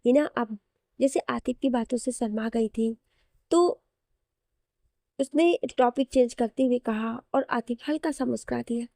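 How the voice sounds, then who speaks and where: A woman's voice: on the high side, measured pace, gravelly, dry recording, studio quality. A woman narrating a scripted audio love story, voicing each character. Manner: expressive, voices each character.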